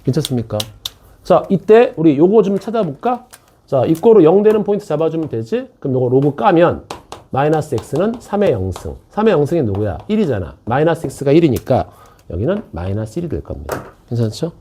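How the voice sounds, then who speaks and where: A man's voice: fairly high pitch, very animated, a little fast, mellow, slight background noise. A male math teacher giving a classroom lecture, chatty and joking with his students and often checking they follow.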